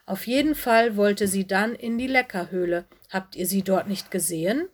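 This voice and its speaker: A woman's voice: medium pitch, moderate pace, lightly acted. Woman reading a kind fox headmistress. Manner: gentle, softly stern. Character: motherly fox headmistress, busy but kind.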